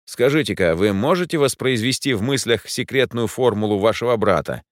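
A man's voice: on the low side, lively intonation, fairly quick, no echo, studio quality, pitched above the performer's own voice, close to an everyday voice. Man doing a proud, fussy old professor. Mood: polite. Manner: formal, self-assured.

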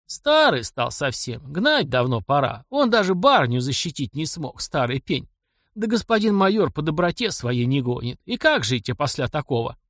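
A man's voice: on the high side, sing-song, moderate pace, a bit bright, no echo, studio quality. A man voicing a frail, tearful old male servant who speaks humbly in a quavering, rattling voice. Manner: pleading and humble.

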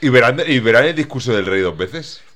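A man's voice: medium pitch, animated, a little fast, fairly bright tone. A man co-hosting a radio chat, playful and joking. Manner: playful, puts on a mock regional accent. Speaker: radio show guest host.

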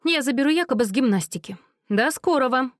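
A woman voicing a busy, friendly mother with a brisk manner. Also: high voice, animated, no room sound, clean studio sound, voice pushed up.

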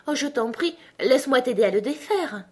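A woman's voice: high voice, animated, normal speed, breathy edge, pitched above the performer's own voice. A woman reading the part of an earnest, eager-to-please young girl in a storybook.

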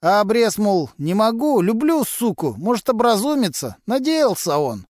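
A man's voice: sits high, sing-song, normal speed, a little mellow, no room sound, studio quality, pitched above the performer's own voice. A man voicing a cocky, mocking male mechanic who talks in thieves' slang, in an audiobook. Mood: brash. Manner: mocking, brash, full of criminal slang.

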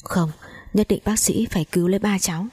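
A woman's voice: medium pitch, steady tone, fairly quick, darkish tone, husky, no echo, studio quality, lightly acted. A woman voicing a grief-stricken twenty-year-old heiress, speaking in broken, pleading phrases.

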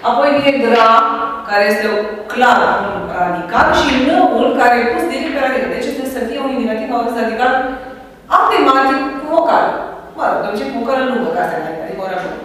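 A woman's voice: on the high side, lively intonation, fairly bright tone, far from the mic. Woman teacher, echoey classroom from afar. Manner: explains step by step, checks understanding with "da?".

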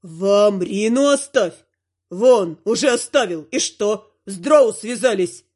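A grumbling, exasperated father, voiced lower by a woman reader, tired and irritated. He speaks a little slower and deeper than the narration around him. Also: expressive, darkish tone, husky. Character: irritated weary father, son-in-law.

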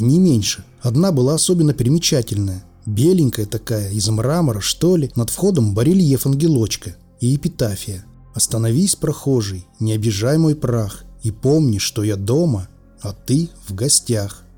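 A man's voice: medium pitch, mellow, husky. A man reading an audiobook aloud in a conversational, wry storytelling manner. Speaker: audiobook reader. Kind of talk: expressive audiobook narration.

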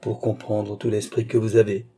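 A quick-tongued countess who needles her guest with irony, as a male narrator voices her. The voice is dark and husky, lifted a little. It comes in as a dry, teasing jab. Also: on the low side, monotone. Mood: needling. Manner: ironic, needling. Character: sharp-witted royal mistress, a countess. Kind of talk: audiobook character voice.

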